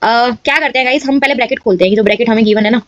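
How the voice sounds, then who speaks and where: A woman's voice: fairly high pitch, racing, dull audio. A woman teaching a maths lesson and explaining each step aloud, often checking in with her students.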